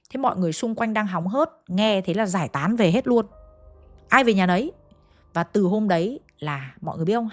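A young woman with a Hanoi accent narrating a ghost story in a chatty way, speaking straight to her listeners. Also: mid-range voice. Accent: Hanoi Vietnamese. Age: young adult. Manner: chatty, addresses listeners directly.

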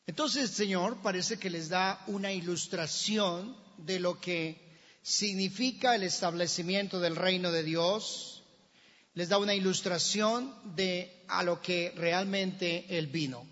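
A man preaching a sermon, telling the story with lively questions to the congregation and acting out the shouts. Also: high-pitched, takes it slowly. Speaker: pastor. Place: church sanctuary. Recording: dull sound, long church reverb.

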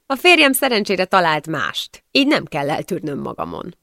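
A woman's voice: lowish voice, very animated, vocal fry, sharp tone, no echo, studio quality, heavily acted. A woman doing a brash, bawdy young village wife. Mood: sly. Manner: brash, crude, laughing.

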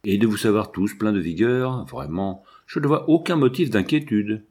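A man voicing a calm, curious young male scientist who speaks reassuringly. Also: on the low side, moderate pace, husky. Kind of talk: audiobook reading.

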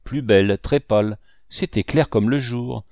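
A man reading the part of a gruff, teasing old uncle who is a painter, in a dry, mocking tone. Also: medium pitch, unhurried, a little mellow, dry recording, close to an everyday voice. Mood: taquin. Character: vieil oncle peintre, bourru et taquin.

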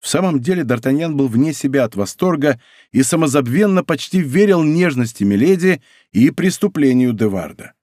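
A man reading a classic adventure novel as an audiobook, telling it in an expressive storytelling way on a close studio mic. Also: medium pitch, no echo. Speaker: audiobook narrator. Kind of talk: scripted narration.

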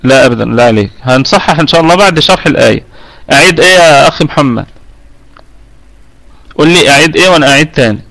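A man's voice: on the high side, lively intonation, racing, vocal fry, pauses often, a bit bright. A middle-aged man with an Egyptian Arabic accent giving a live online tajweed lesson, explaining patiently and often correcting himself mid-sentence. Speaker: Quran recitation teacher.

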